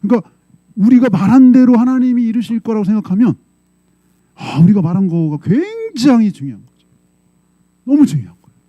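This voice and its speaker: A middle-aged pastor, preaching conversationally in a church sanctuary, speaks in a very high, very animated voice at a fairly quick pace, pausing often. The recording is dry and lo-fi. He checks in with the congregation frequently and acts out quoted voices in short dramatic bursts.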